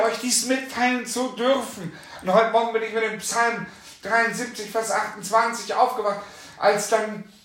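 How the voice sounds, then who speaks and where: A man's voice: high voice, a bit bright, echoey room. A man preaching a fervent sermon, reading scripture aloud and calling out hallelujah again and again.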